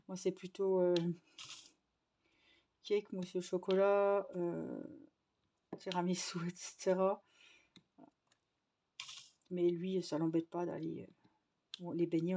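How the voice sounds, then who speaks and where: Chatty mum, lowish voice. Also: female voice, warm tone. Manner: chatty, rambling with many fillers and restarts. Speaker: vlogger. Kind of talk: casual chat to viewers.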